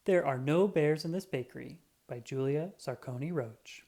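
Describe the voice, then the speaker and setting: With a moderate pace and medium pitch, the voice performs a children's picture book as a self-important cat detective narrating the story. It is expressive and dramatic, and the sound effects are acted out.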